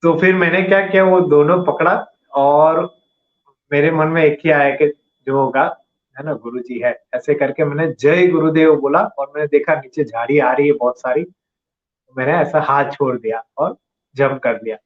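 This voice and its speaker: A man telling a personal story in a conversational, animated way, acting out his own thoughts as he goes. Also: a little high, normal speed, reverberant. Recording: dull lo-fi audio.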